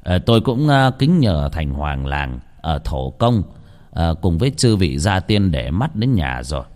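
A man voicing an elderly ritual master who speaks low and haltingly, with many pauses. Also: big pitch swings, darkish tone. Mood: solemn. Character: elderly male ritual master, weary and solemn.

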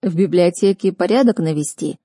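A woman's voice: on the low side, brisk, warm tone, breathy edge, no echo, clean studio sound. A woman reading an audiobook, voicing a cheeky young male air mage who teases. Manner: teasing, flustered.

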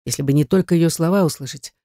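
An audiobook narrator reading a romance novel in a steady, even storytelling voice. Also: medium pitch, fast, no room sound, clean studio sound. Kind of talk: scripted narration.

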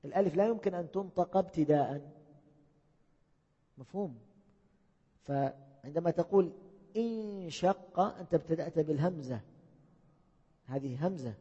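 A man's voice: a little high, animated, moderate pace, pauses often, warm tone, husky. A man teaching a classroom lesson, questioning his students and repeating key points. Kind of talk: classroom lesson on Arabic morphology. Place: lecture hall. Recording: dull lo-fi recording with long hall reverb.

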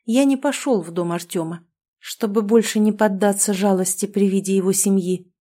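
A woman reading a first-person gothic story aloud in a hushed, somber manner. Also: medium pitch, normal speed. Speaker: audiobook reader.

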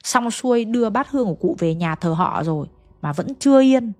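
A woman's voice: on the high side, expressive, a little fast, a little mellow. A woman narrating a ghost story in a casual, chatty way, speaking directly to her listeners with folksy asides.

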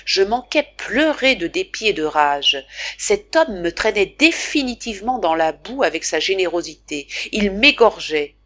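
A woman narrating a classic novel as an audiobook, reading in a measured, expressive way. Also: medium pitch, lo-fi sound.

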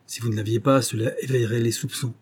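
Male reader doing a detective, calm and secretive, commanding; dark husky voice, low and firm. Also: fast. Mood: hushed, firm.

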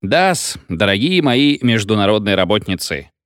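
A man's voice: fairly low pitch, very animated, moderate pace, fairly bright tone, dry recording, studio quality. A man voicing a drunken, pompous village medic who lectures in a rambling, hiccuping sing-song. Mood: tipsy lecturing.

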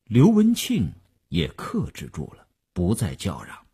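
A man narrating a novel in an expressive, dramatic reading. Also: sits low, measured pace, husky. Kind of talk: storytelling reading.

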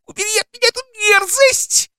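A panicky young woman squeals and shrieks in a thin, piercing falsetto, as a male narrator puts her on. Her voice leaps high above the reader's own. The recording is close and dry with no room sound. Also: fairly quick, bright, forceful tone, no room sound, full character voice. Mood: panicked squeal. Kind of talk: audiobook character voice.

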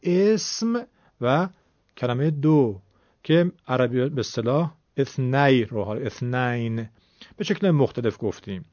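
Here a man with a mid-range, somewhat dark voice gives a lesson on Quran recitation, breaking the rules down patiently and putting questions to his class. The audio is dull, lo-fi, and dry, without echo.

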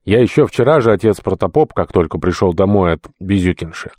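A man's voice: deep voice, animated, a little fast, darkish tone, no room sound, clean studio sound. A man voicing an impulsive, emotional deacon in his fifties, raising his voice in heated, contrite pleading. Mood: earnest pleading. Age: 50s. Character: big emotional middle-aged male deacon, impulsive. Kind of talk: audiobook character voice.

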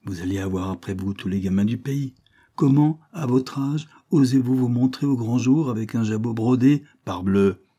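A man reading an audiobook, voicing an irascible, sarcastic older spinster who scolds in loud outbursts. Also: sits low, quick pace, few pauses, slightly rough. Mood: scolding. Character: irascible sharp-tongued older spinster woman.

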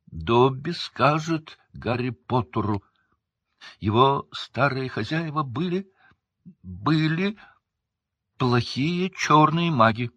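A man voicing a timid, eager male house-elf who squeaks nervously and stammers, in a storybook reading. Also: lively intonation, slow, pauses often, fairly bright tone, no echo, highs cut off. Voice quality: high squeak, breathy. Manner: nervous, stammering, self-abasing.

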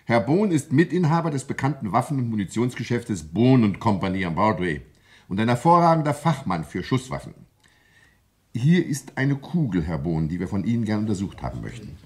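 In a German radio crime drama, a man plays a commanding coroner who questions witnesses at an inquest in a formal, insistent, businesslike way. His voice sits on the low side, with big pitch swings, a slightly fast pace, and a somewhat mellow quality.

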